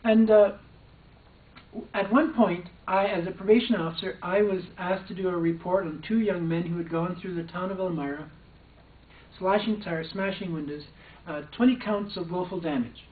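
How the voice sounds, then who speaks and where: A retired probation officer, an older man, shares a personal story, stumbling and starting over frequently. His high voice stays steady at a moderate pace, captured in a distant, echoey recording that sounds like a phone.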